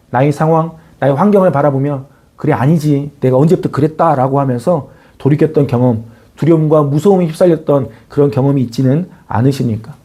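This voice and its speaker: A man preaching a Sunday sermon as pastor, earnest and emphatic, his voice rising on key words and falling soft at the ends of phrases. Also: fairly high pitch.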